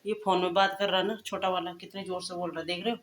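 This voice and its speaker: A woman's voice: fairly low pitch, little pitch movement, racing, noisy background. Chatty middle-aged woman vlogging at home. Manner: chatty, homely, talks straight to viewers. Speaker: family vlogger. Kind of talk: casual chat to camera. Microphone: phone camera. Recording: echoey room with faint background ambience.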